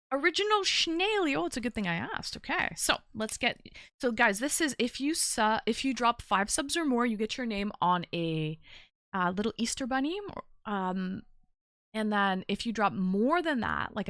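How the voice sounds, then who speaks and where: Female streamer, playful and chatty, lively swooping intonation, forward bright tone, addressing viewers casually. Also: mid-range voice, no room sound, clean studio sound. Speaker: live streamer. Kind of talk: casual livestream chat with viewers.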